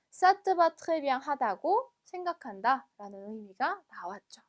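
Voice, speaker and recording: A Korean-speaking woman teaching French in a video lesson, explaining patiently and slowing down to model each French word. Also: sits high. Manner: asks learners "그죠?" after each point. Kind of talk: video lecture.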